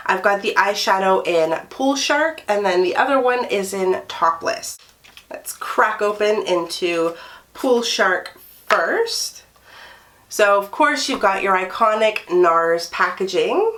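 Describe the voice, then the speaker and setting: A young woman beauty vlogger reviewing makeup in a chatty, excitable way, her voice stuffy and congested from being sick. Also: medium pitch, takes it slowly. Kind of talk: casual product review.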